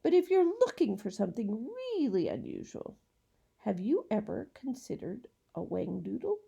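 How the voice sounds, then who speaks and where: A woman's voice: medium pitch, sing-song, moderate pace, creaky, dark tone, breathy edge, highs cut off, heavily acted. A woman voicing a cheerful, odd little old man in a storybook who talks politely and eagerly. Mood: chatty.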